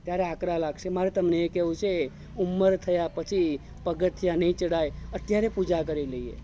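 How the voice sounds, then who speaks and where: There's a little hiss or hum on this dull lo-fi recording of a monk's evening sermon. The man's mellow voice sits high, his intonation fairly even and his pace moderate, as he returns to the same phrases and challenges the audience with rhetorical questions.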